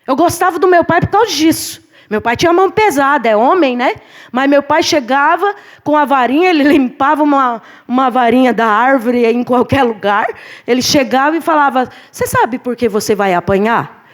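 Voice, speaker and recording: Mulher brasileira voz aguda dando aula na igreja, fala animada tipo pregação. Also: female voice, high-pitched, normal speed. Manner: lively, preacherly, addresses the class as brothers. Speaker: Sunday school teacher. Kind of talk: church Bible class lesson. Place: church hall.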